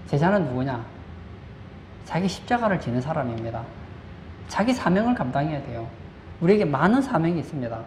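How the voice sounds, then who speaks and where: A male pastor with a slightly high, darkish voice preaches a sermon briskly, his pitch swinging widely and broken by long pauses. He poses rhetorical questions, answers them, and repeats key phrases for emphasis. The church sanctuary sounds echoey, with faint background noise.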